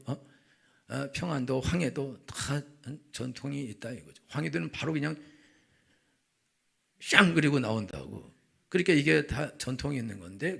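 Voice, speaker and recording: A man's voice: mid-range voice, creaky, breathy edge. A male pastor giving a conversational sermon, telling stories and acting out quoted dialogue.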